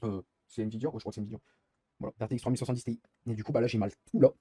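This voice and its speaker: A man's voice: mid-range voice, steady tone, very fast, dark tone, slightly rough, no echo, studio quality. A young man live-streaming while gaming, rambling in casual chat and swearing often as he complains.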